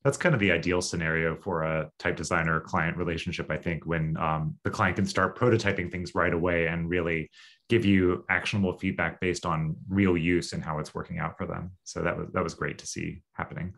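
A man, a type designer, co-presenting in a casual conference talk and explaining the process in a measured, reflective way. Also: deep voice, fairly even intonation, creaky, fairly bright tone.

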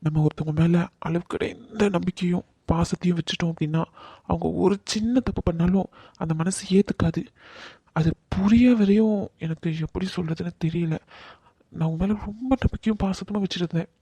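A woman's voice: lowish voice, fairly even intonation, brisk, mellow, breathy edge. A woman voicing an affectionate young husband in a cartoon drama, coaxing and apologetic. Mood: earnest.

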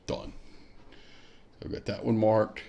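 In a muffled recording, a man with a lowish, monotone, warm voice and some vocal fry talks a little slowly. Hosting a kayak fishing show, he walks viewers through a map via screen share, thinking aloud and murmuring hmms while clicking.

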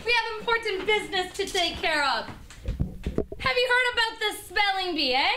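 A woman's voice: very high-pitched, animated, normal speed. A young woman playing an intense, bossy, competitive schoolteacher in amateur scripted school comedy, with a commanding theatrical manner. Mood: bossy, fired up. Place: school classroom. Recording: noisy classroom camera sound.

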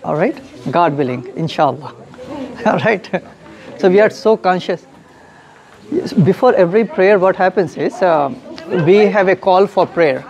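A young Indian man with a high, lively voice, slightly slow and a bit dark in tone, guides visitors through a mosque hallway and later a classroom, with a faint crowd audible. As a guide and educator, he explains things in a friendly way and laughs often.

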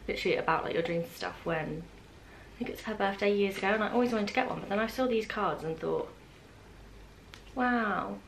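This low-quality recording, carrying a little hiss or hum, features a brisk, medium-pitched woman with vocal fry. She's a British vlogger in her twenties doing an unboxing and casual chat to camera in an open-plan living room at home, slipping into asides.

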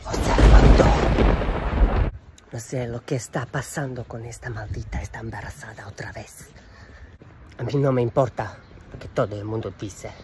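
A man's voice: mid-range voice, steady tone, moderate pace, long pauses, lightly acted. A man playing a desperate, melodramatic telenovela mother searching for her son, wailing in broken Spanish outdoors on a noisy street. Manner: overwrought soap-opera wailing, broken Spanish. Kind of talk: telenovela parody. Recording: noisy street with passing vehicles.

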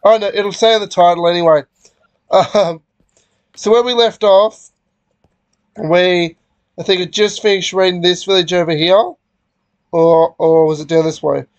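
A man's voice: sits high, a little slow, long pauses, dry recording, muffled recording. A young man hosting a multiplayer game session in casual chat, rambling and correcting himself as he goes. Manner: rambling, unsure, self-correcting. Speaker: host of a game channel.

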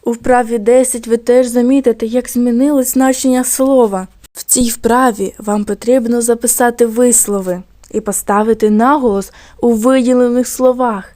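A woman teacher giving a recorded lesson to young children, speaking slowly and stressing syllables carefully as she dictates words. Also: fairly high pitch, steady tone, warm tone. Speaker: primary school teacher.

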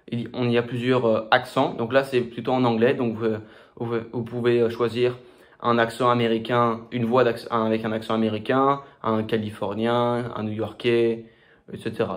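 A man hosting a screen-recorded software tutorial, talking casually with many fillers and restarts. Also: mid-range voice, flat delivery, normal speed. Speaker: tutorial host.

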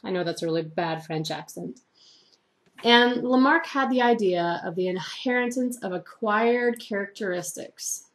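A woman's voice: mid-range voice, normal speed, a bit bright. A woman teacher giving a recorded lecture, reading largely from her own typed notes in an explanatory way.

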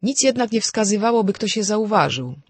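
A man narrating an audiobook in a measured, even reading voice. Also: sits high, husky, no echo.

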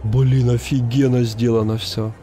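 A young man giving casual, jumpy and excitable commentary as he streams a co-op horror game. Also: medium pitch, unhurried. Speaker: gaming streamer. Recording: game music behind the voice.

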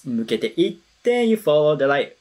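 A woman hosting a reaction video, chatting casually and explaining song lyrics in an animated, talkative way. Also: deep voice, a little slow. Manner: chatty, animated, switches between explanation and excited comments.

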